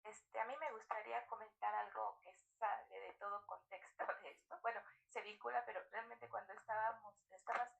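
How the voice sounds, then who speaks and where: A woman's voice: medium pitch, steady tone, a little fast, vocal fry, hardly any pauses, a bit bright, low-quality recording. A woman, a student sharing a thoughtful, hesitant comment in class. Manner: thoughtful, hesitant, searching for words.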